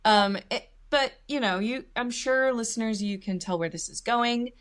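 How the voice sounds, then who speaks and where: A woman's voice: on the high side, normal speed, fairly bright tone. A woman co-hosting a podcast, chatting casually about a horror film, laughing often and acting out lines from the movie. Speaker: podcast co-host. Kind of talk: casual film review chat.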